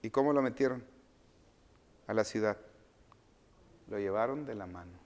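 A man preaching a sermon as pastor, asking the congregation questions and answering them himself, swinging between loud emphatic phrases and quiet asides. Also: on the low side, moderate pace.

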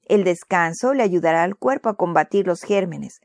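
A woman voicing a caring mother who talks softly and slowly. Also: on the low side, creaky, no echo. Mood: compassionate. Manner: soft, slow, compassionate. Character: caring mother, gentle and sensible.

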